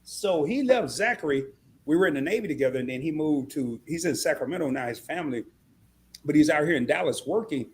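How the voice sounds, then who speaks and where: A man in his forties from Southeast Arkansas, hosting a live stream interview with animated, chatty storytelling. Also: fairly high pitch, fairly quick, slightly rough. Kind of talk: casual interview chat.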